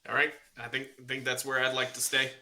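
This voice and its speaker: A man's voice: medium pitch, level tone, fairly quick, bright, forceful tone. A man chatting casually as a player at a game table, laid-back.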